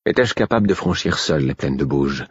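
A man reading a novel aloud in the first person, in a measured, steady manner. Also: rumbling low, slightly rough, no echo. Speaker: audiobook narrator. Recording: dull lo-fi recording.

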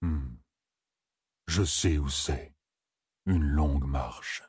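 A man voicing an old giant male Ogier elder, gruff and scholarly, who speaks slowly and gravely with a deep rumbling voice. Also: a little mellow, no room sound, studio quality, exaggerated voice. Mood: musing. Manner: slow, grave and grumbling.

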